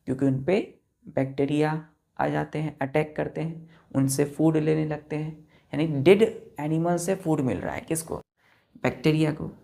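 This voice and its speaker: Lady teacher, low mellow voice, talks slow, dictates notes to kids. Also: vocal fry. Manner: mixes Hindi and English, slow dictation of notes; asks the class questions and answers them herself. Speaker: science teacher. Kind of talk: classroom lecture to children.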